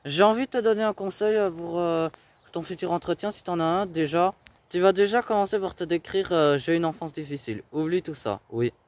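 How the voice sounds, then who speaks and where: A man's voice: high voice, brisk. Belgian-raised guy late 20s, boss giving a teen a pep talk, pushy, lots of uh. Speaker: business owner mentoring a teen. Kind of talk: motivational talk.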